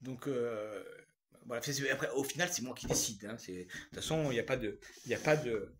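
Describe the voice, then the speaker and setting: A man doing a rambling comic monologue to camera, crude and jokey, full of fillers and repeated phrases, swinging between loud outbursts and low mutters. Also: a little fast. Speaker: vlogger.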